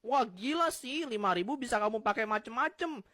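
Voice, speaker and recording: A woman's voice: a little high, animated, brisk, fairly bright tone, no room sound, studio quality. A woman playing a scheming voice that coaxes a seller to cheat, in a comedy skit. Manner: coaxing, scheming.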